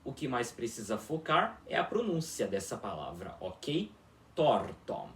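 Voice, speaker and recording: A man teaching a formal video lesson on an invented language, repeating words slowly and often checking that listeners follow along. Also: mid-range voice, huge pitch swings, fairly bright tone. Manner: slow, repetitive, checks in with listeners constantly. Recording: echoey room, voice from far off.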